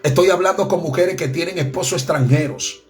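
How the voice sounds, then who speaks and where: A male pastor with a high voice preaches with fervor. He swings from hushed, low stretches to loud, climbing peaks. Soft music plays faintly behind him. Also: a little fast. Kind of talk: sermon.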